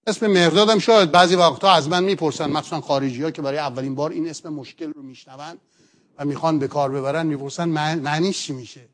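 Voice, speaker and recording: High-voiced man teaching a sermon. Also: fairly even intonation, fairly bright tone. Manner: earnest teaching, explains step by step with rhetorical questions. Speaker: pastor.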